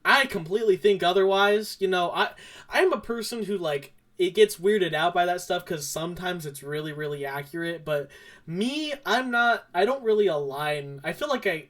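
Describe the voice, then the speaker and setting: A man's voice: high voice, fairly bright tone. A young man co-hosting a podcast, chatting casually and telling rambling stories full of fillers and restarts. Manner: rambling storytelling full of fillers and self-corrections. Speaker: podcast co-host. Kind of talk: casual chat.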